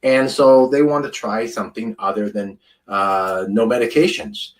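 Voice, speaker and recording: A man's voice: fairly low pitch, steady tone, normal speed. A man in his fifties, a food scientist giving an informal wellness presentation, rambling and chatty with many fillers, close to the camera mic. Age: 50s.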